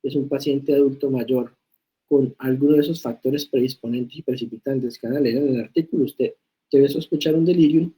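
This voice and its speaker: A man's voice: mid-range voice, fairly even intonation, moderate pace, dark tone, low-quality recording. A man giving a medical lecture, talking to students in a conversational way and often checking in with tag questions. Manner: reads criteria aloud then explains them. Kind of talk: classroom lecture.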